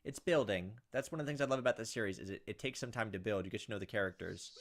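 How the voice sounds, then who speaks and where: A let's player with a lowish voice reads a visual novel aloud in rapid-fire delivery. He reacts to the text as he reads, keeping his asides casual and sometimes profane.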